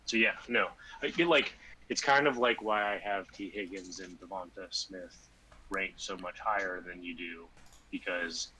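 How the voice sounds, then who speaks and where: A man co-hosting a casual sports podcast, rambling with lots of fillers and sudden animated bursts. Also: low-pitched, a little slow, slight background noise, low-quality recording. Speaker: podcast co-host.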